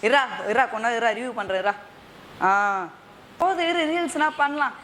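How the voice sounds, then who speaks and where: Woman as a teenage gamer boy, raised voice, dismissive, excitable, audible hiss. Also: high voice, fairly quick. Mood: absorbed. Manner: dismissive, excited, brushing people off.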